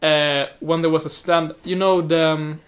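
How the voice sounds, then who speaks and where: Young man, somewhat high voice, animated, chatty, casual film talk, mimics others. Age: young adult. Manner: chatty, animated, quick to imitate others' speech. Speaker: podcast co-host, film student.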